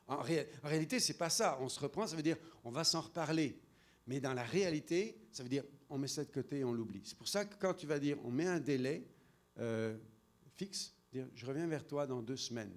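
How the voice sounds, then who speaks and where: A man from France with a French accent, giving an interactive sermon-style talk and calling on audience members by name. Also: medium pitch. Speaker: speaker at a church seminar.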